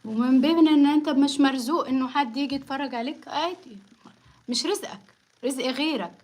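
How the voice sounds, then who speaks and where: A woman's voice: high voice, fairly quick, a little mellow. A woman with an Egyptian accent live-streaming from home on her phone, talking back defiantly and sarcastically and laughing often. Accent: Egyptian Arabic. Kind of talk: casual live-stream talk.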